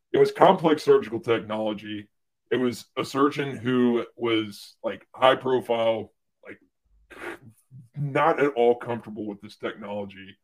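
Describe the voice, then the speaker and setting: A young man, a guest on a livestream, telling a work story casually with lots of "like" and restarts, getting loud when he quotes someone. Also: mid-range voice. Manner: animated storyteller, fillers and restarts, loud when quoting others. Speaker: guest, former medical device rep.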